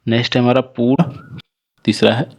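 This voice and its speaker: A man teaching English pronunciation rules, explaining each rule and spelling out example words slowly, often stopping to correct his own slips. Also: medium pitch, little pitch movement, vocal fry. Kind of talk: spoken phonics lesson.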